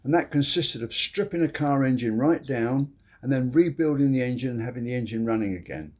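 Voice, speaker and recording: A man's voice: mid-range voice, expressive, brisk, darkish tone. An older man hosting a comedy show, telling long rambling jokes in a chatty, casual way. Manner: chatty, rambling storyteller with frequent "you see".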